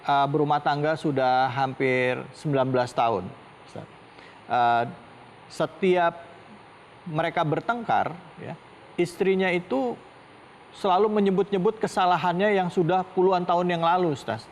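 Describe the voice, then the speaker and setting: A man's voice: on the high side, moderate pace, a little hiss or hum. A male TV show host putting a viewer's question to a preacher, hesitant and deferential, repeatedly addressing him by title.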